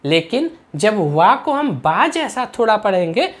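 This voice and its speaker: A woman teacher leads a spelling lesson at an ordinary, middle pitch. She sounds out each syllable with care, repeats key words and keeps quizzing her listeners with short questions. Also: sing-song. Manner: drills words slowly and asks the class questions.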